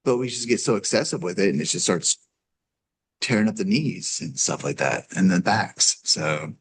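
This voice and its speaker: A middle-aged man, chatting casually as a guest, tells jokey stories and acts out the voices of the people in them. His voice sits low and sounds animated at normal speed, with a slight hiss or hum on the recording.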